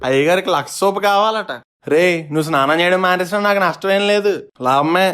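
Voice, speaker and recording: A voice actor playing a strict, middle-aged father who scolds his lazy son in an animated comedy. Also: medium pitch, fast talker, clean tone, lightly acted. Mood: scolding. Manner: scolding, blunt.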